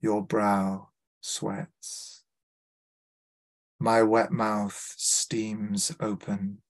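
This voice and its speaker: Reading his own poems at a literary festival, a man with a Scouse accent from Liverpool uses a fairly low pitch and level tone. His manner is measured and deliberate, and he introduces each poem with a few hesitant fillers.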